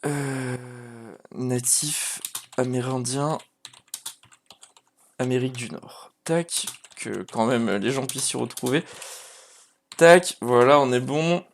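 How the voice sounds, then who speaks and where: A man hosting a live stream, running a draw and reacting out loud to each result. He talks casually and excitably and speaks to viewers by name. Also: mid-range voice, takes it slowly, pauses often, a little hiss or hum.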